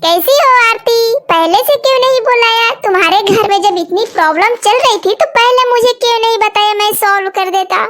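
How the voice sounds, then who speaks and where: A cocky young boyfriend in a cartoon story who confronts the in-laws and lectures them, played by a woman. The voice is very high for a young man. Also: a little fast, hardly any pauses, a bit bright. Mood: friendly.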